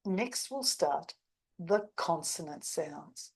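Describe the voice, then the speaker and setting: A woman with an Australian accent teaching pronunciation, modeling single sounds and words in slow, exaggerated speech. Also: on the low side, lively intonation, creaky, husky. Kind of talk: English pronunciation lesson.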